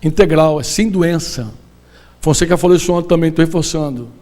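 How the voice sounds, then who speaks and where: A Brazilian pastor preaching a sermon to a gathering of church leaders, lively and colloquial, tossing questions to the audience. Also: male voice, fairly high pitch, brisk. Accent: Brazilian Portuguese. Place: conference hall.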